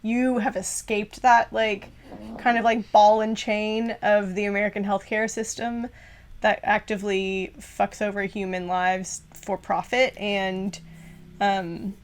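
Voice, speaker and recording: A woman's voice: medium pitch, flat delivery, slow. A young adult woman co-hosting a casual podcast, rambling and filling her talk with "like.". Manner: rambling, heavy use of "like" fillers. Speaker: podcast co-host.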